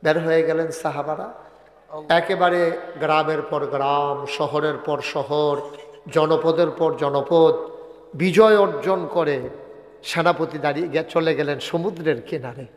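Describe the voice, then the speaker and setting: A man with a preaches a waz sermon at a large gathering, his fairly high voice rising to shouts and dropping to hushed storytelling as he chants Arabic verses. The sound rings with long reverb through a roomy hall. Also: fairly even intonation, a little slow.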